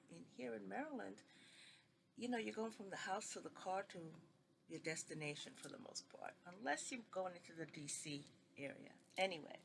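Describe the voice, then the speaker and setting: A woman's voice: fairly low pitch, gravelly, slight background noise. A middle-aged woman who grew up in New York, chatting enthusiastically and meanderingly as she shows fabrics from her sewing collection at home. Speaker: sewing vlogger. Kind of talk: casual chat showing fabrics.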